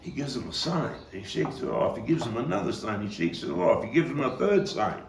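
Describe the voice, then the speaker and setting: Playing a nostalgic, streetwise Brooklyn baseball fan, a man who is both actor and playwright delivers his own theatrical monologue at a table read, telling the story dramatically. His mid-range, sing-song voice uses deliberate pauses and wide swings in loudness. It's captured from a distance in a roomy space, with a little background noise.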